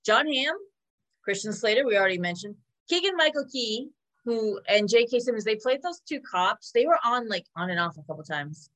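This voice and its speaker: A woman's voice: fairly high pitch, animated, fairly bright tone. A woman co-hosting a podcast, running through a list in casual chat with fillers. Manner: quick list-reading with fillers. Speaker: podcast co-host.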